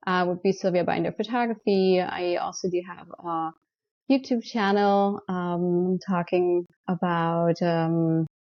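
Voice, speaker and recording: Thirties German-accented woman as interview guest, lowish voice, halting delivery, muffled dry recording. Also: dry recording. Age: 30s. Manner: hesitant, many ums and uhs. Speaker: photographer guest. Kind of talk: casual interview answers.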